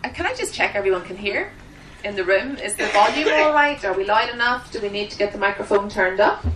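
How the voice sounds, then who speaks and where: A woman's voice: medium pitch, expressive, fairly quick, a bit bright. Woman interpreter, distant and noisy recording. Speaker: sign language interpreter voicing the signers. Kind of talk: spoken interpretation of a seminar introduction. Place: seminar room. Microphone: microphone at the front of the room. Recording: distant microphone, noticeable background noise.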